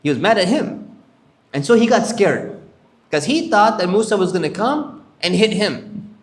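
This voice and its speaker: Animated man telling a story in a hall. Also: sits high, normal speed. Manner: animated storyteller acting out characters' lines. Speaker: sheikh telling prophet stories. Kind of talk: storytelling lecture. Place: Islamic center hall.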